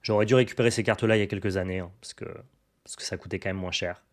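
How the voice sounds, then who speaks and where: A man's voice: deep voice, fairly even intonation, rapid-fire. A young adult man showing off his card purchases in a casual, enthusiastic chat to the camera. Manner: enthusiastic, chatty, many fillers and restarts. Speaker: card collecting YouTuber.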